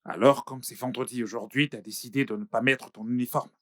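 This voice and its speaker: A man's voice: medium pitch, fairly even intonation, brisk, no echo, clean studio sound, natural voice. Man dubbing a stern, threatening boss. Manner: curt, threatening commands. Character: stern, angry male employer, head of house. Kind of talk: French film dub.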